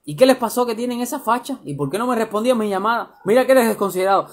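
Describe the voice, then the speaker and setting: A woman's voice: on the high side, lively intonation, rapid-fire, pitched above the performer's own voice. A man voicing a worried, fussing middle-aged mother, firing off anxious questions.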